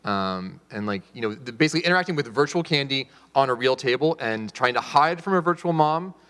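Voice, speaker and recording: A male instructor with a mid-pitched voice, probing with questions while fumbling through fillers and restarted phrases. His voice carries a long hall reverb. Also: lively intonation, fairly quick, sharp tone, clean tone. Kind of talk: critique discussion.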